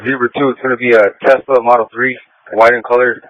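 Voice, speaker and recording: A man's voice: mid-range voice, flat delivery, quick pace, no room sound. A male police officer reporting over the radio in short, matter-of-fact bursts. The transmission is muffled and dry, with a dull, narrow sound.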